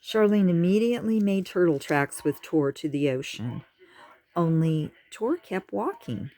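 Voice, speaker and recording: A woman reading a children's storybook aloud, slow and expressive. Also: on the low side. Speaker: audiobook reader. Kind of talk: storybook narration.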